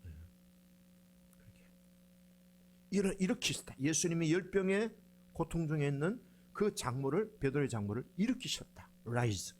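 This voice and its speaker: Lively Korean pastor preaching. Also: male voice, on the high side, moderate pace, pauses often. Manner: animated storytelling, acts out quoted lines with dialect. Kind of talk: sermon.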